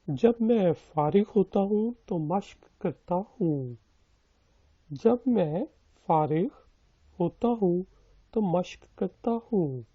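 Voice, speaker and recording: A man's voice: high voice, warm tone, no echo, dull audio. A man teaching a language lesson, repeating each sentence several times and splitting it word by word before explaining its meaning. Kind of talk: slow, repetitive phrase drilling with explanations.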